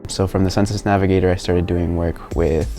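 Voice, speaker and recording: A man's voice: low voice, level tone, a little fast, mellow, faint music behind. A young man, a community leader, talking casually with fillers and hesitations about his volunteer work. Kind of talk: interview-style testimonial.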